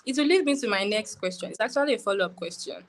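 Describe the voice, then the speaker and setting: A woman hosting a live-stream interview, asking lively, encouraging questions. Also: medium pitch, racing, low-quality recording. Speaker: host.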